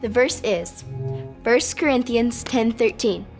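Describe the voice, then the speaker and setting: A sensible young woman who explains things earnestly in a fairly high voice. Light music sits softly behind her. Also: takes it slowly. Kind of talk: scripted kids' show acting.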